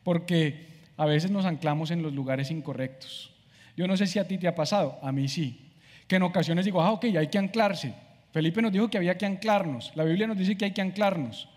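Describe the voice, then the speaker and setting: A man's voice: high voice, fairly quick, a little mellow, big-room sound. A man preaching a conversational sermon, acting out how he talks to himself. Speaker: pastor.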